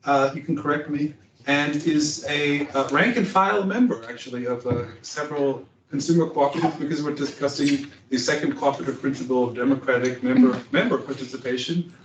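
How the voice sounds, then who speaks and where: A man moderates a panel discussion in a large conference hall, loose and chatty with fillers, speaking fairly quickly in a voice on the high side. The distant, dull mic picks up the hall's echo and faint noise.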